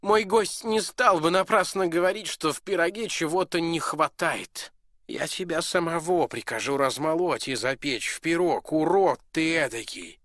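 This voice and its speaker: A storyteller voicing a hot-tempered, pompous duke who shouts and threatens his cook in a storybook reading. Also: medium pitch, normal speed, no echo, clean studio sound, voice pushed up, lightly acted. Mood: furious. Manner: blustering, shouting.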